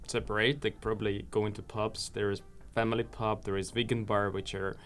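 A young man from Ukraine, a student speaking calmly and thoughtfully in an interview. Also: lowish voice, a little fast, soft background music. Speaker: master's student. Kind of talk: interview conversation.

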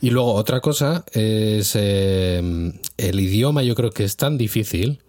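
A man with an accent from Spain co-hosts a casual chat, tossing out playful exaggerations and laughing between them. His voice sits fairly low. The sound is dry and close, with no room echo. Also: animated, a little slow, a little mellow. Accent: Spanish from Spain. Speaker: podcast co-host.

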